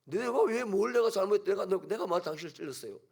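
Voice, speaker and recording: A man with a Gyeongsang accent voicing a sharp-tongued, quarrelsome wife who fires back shrill, indignant retorts. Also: big pitch swings, quick pace, slightly rough. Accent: Gyeongsang Korean.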